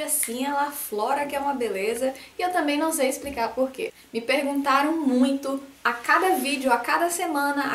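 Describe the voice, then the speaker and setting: A lively woman in her twenties from Brazil with a faint Bahian accent, talking casually to camera as a science YouTuber and gesturing a lot. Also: high voice, echoey room, slight background noise. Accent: light Brazilian Portuguese, faint Bahian. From Salvador, Bahia, Brazil. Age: 20s. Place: small room indoors, posters on the wall.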